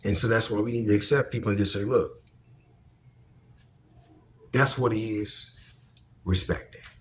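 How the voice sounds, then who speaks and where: Speaking in a lowish voice at a measured pace, this vlogger offers casual opinions bluntly and forcefully, swearing a lot. Slight background noise can be heard.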